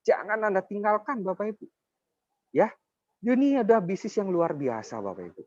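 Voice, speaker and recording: A high-pitched, very animated man in his twenties, slightly mellow in tone and at a moderate pace, presents a motivational network marketing sales pitch, often talking directly to his listeners. The audio is dry with no room sound, dull and lo-fi.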